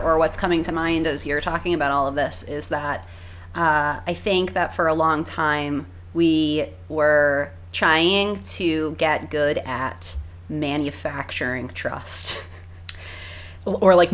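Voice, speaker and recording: A woman co-host in relaxed podcast chat with a bright, forceful tone set a little low. She talks frankly and animatedly and swears without hesitation. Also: takes it slowly. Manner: frank and animated, swears freely, laughs often. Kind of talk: casual chat.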